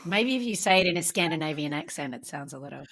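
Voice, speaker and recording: A woman's voice: low-pitched, expressive, fast, fairly bright tone. A woman co-hosting a comedy podcast, dropping wry quips and jokey asides. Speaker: podcast co-host. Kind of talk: casual comedic chat.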